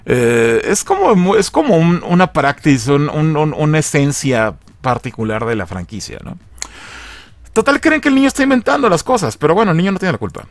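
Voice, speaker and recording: A man giving a slangy, animated recap of a TV episode, acting out the lines in different voices. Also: on the high side, normal speed, no room sound. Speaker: video reviewer.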